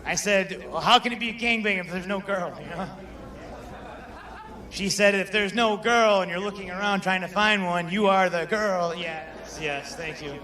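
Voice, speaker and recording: Young guy doing stand-up, highish voice, chatty storytelling, works the crowd. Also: normal speed, sharp tone. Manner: conversational storytelling with crowd work. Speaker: stand-up comedian. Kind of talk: stand-up comedy set.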